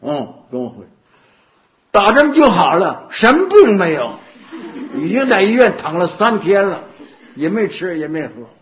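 In a dull, lo-fi recording, a male Buddhist teacher gives a dharma talk at a normal pace, his voice sitting high with a sing-song lilt. He leans on anecdotes, circles back to repeat himself, and poses rhetorical questions.

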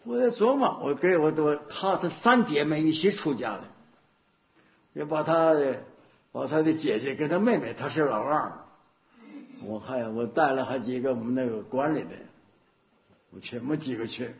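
A man's voice: medium pitch, moderate pace. A male Buddhist teacher giving a dharma talk. He tells stories, repeats himself and asks rhetorical questions. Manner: anecdotal, repetitive, rhetorical questions. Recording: dull lo-fi recording.

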